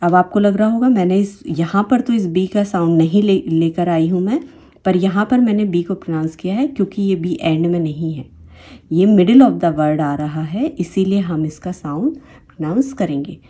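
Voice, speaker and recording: A woman's voice: fairly low pitch, normal speed, dark tone. A woman with an Indian English accent teaching a phonics lesson, saying each example word twice and explaining the rules patiently.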